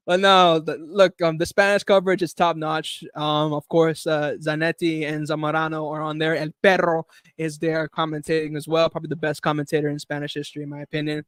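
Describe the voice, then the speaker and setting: A man's voice: fairly high pitch, steady tone, normal speed, a bit bright, smooth, no room sound, studio quality. A man hosting a livestream, chatting casually and joking with a playful, laughing manner. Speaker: livestream host. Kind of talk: casual streaming banter.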